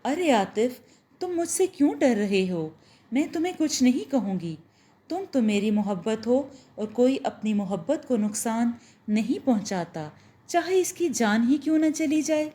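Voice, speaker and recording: A woman reading a storybook's young woman turned witch, loving and possessive, in a soft, reassuring voice with her own warm, lively tone. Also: fairly high pitch, moderate pace, lightly acted. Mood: tender.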